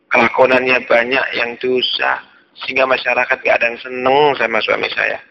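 A man's voice: medium pitch, level tone, moderate pace, creaky, pitched below the performer's own voice, natural voice. A man voicing a humble, resigned middle-aged village wife, telling her story in a plain, confiding way. The recording is dull and lo-fi.

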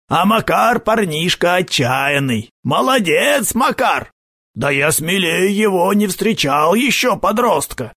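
A man's voice: high-pitched, creaky, a bit bright, husky, no room sound, studio quality, voice pushed up, exaggerated voice. A man voicing a sly adult gang leader who mocks and wheedles in a syrupy tone for an audiobook. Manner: mocking, wheedling. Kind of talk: audiobook character voice.

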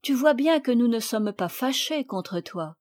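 A woman reading aloud, voicing a kind, sensible girl who gently reproaches a younger child. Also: on the high side, expressive, unhurried. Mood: gentle, reproachful.

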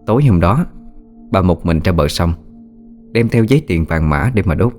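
A man narrating a ghost story in a measured, solemn way. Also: sits low, expressive, a little mellow. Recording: faint music bed. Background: faint music.

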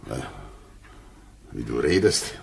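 An actor playing a proud, stern prince-bishop with a gravelly, commanding voice in a 1960 radio play. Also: male voice, very deep voice, lively intonation, takes it slowly, a little hiss or hum, exaggerated voice. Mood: wondering. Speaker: Fürstbischof Firmian.

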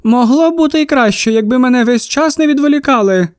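Brief: storybook shopkeeper's wife, huge and loud, always in a foul mood; male reader doing the voice, raised pitch, dry close sound. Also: moderate pace, clear, resonant tone, no echo. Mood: grumbling. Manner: booming, snapping complaints.

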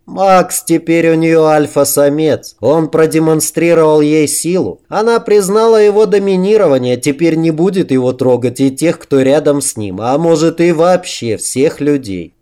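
A man's voice: a little high, normal speed, few pauses, mellow, lightly acted. A man voicing a nerdy, earnest young know-it-all. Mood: explaining.

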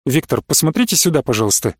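A man voicing a calm, firm male army major who speaks in a measured, steady way. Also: medium pitch, husky, no room sound, studio quality. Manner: measured, steady, stern when pressed.

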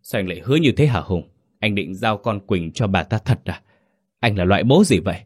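A man's voice: lowish voice, lively intonation, a little fast. A man voicing a panicked, furious young mother in a horror story reading. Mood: frantic. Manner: frantic, shouting accusations.

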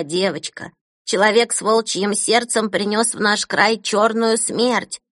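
A woman voicing a small male elf dandy, gentle and sad, warning a girl tenderly. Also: on the high side, no echo, studio quality.

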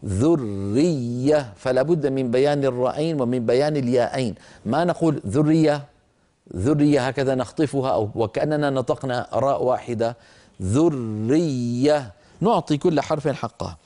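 Older man with a mellow voice teaching recitation. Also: mid-range voice. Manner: stretches and repeats words slowly to demonstrate pronunciation; explains patiently, addresses listeners directly. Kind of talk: Quran recitation lesson.

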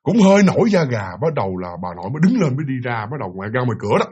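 Quick, husky Southern Vietnamese male storyteller. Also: medium pitch, lo-fi sound. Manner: animated, filler-heavy, addresses listeners. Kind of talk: casual ghost-story telling.

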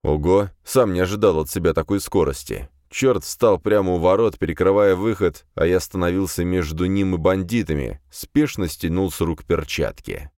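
Deep guy reading a fantasy novel in first person, lively delivery, dry mic. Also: normal speed, hardly any pauses, no echo. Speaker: narrator. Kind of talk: audiobook narration, first person.

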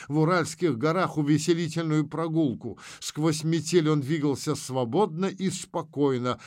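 A man's voice: on the high side, darkish tone, no echo. Dry, close male audiobook narrator.

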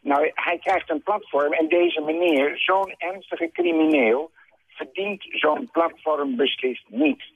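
This is a man calling in to a radio show, heard down a tinny telephone line. His voice is gravelly and husky, and a little higher than most men's. He speaks formally and sounds indignant. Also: expressive, takes it slowly. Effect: phone-in caller on a radio show. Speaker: caller.

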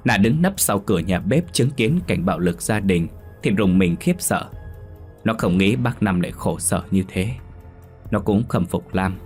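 A man narrating a scripted story with a dramatic, expressive reading. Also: deep voice, measured pace. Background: faint music.

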